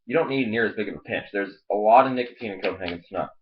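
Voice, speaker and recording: A man's voice: lowish voice, racing. A man hosting a casual review video, rambling and swearing, talking with a lip full of dip. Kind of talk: casual product review chat. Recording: dull lo-fi home video audio.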